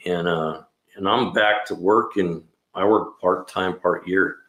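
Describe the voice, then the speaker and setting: A man in his sixties, a mechanic hosting a casual livestream chat from his garage, speaks in a low, steady, unhurried voice with a slightly bright edge. He's laid-back and rambling, often dropping "man" and "you know," and the room sounds echoey.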